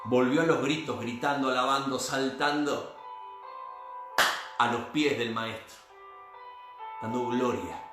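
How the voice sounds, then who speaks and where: A man with an Argentine accent preaching a sermon, swinging between loud cries and hushed tones. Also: medium pitch, slow, pauses often. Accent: Argentine Spanish. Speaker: pastor. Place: church. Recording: very echoey church hall with faint music.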